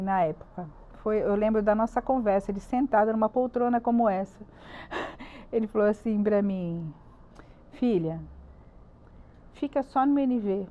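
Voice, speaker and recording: A woman with a Brazilian Portuguese accent, a church ministry leader, gives an earnest, emphatic personal testimony as a podcast guest, repeating words for stress. Her voice is on the high side and mellow, and the recording sounds muffled.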